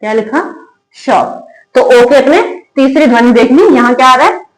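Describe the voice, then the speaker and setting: A woman teaching English phonics as a lesson. She asks questions and answers them herself, and repeats example words slowly. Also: sits high. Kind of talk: classroom-style phonics lesson. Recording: echoey room.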